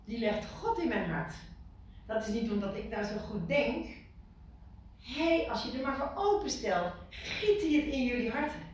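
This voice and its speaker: A woman preaches to a small group in a conversational, lively way, asking her listeners questions and repeating words to drive a point home. Her voice sits a little high. It is recorded from some distance in a very echoey room with a faint hiss behind it. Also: a little slow. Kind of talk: informal sermon to a small group.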